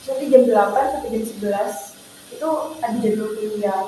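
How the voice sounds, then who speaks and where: A woman's voice: medium pitch, fast, warm tone. A young woman, a university student, answering interview questions casually with some hesitation. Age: young adult. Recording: echoey room, far from mic, faint noise.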